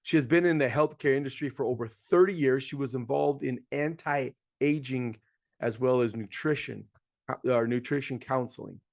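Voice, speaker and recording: A man's voice: medium pitch, moderate pace, gravelly, a little mellow. Enthusiastic male podcast host. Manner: upbeat, enthusiastic, with bursts of speed. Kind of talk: podcast interview.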